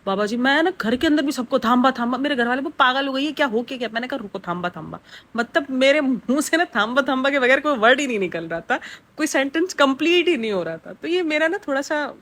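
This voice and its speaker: A woman's voice: sits high, fast talker, fairly bright tone. A woman, rambling through a casual reaction vlog with lots of fillers. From Pakistan. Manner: chatty, rambling, with many fillers. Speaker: reaction vlogger.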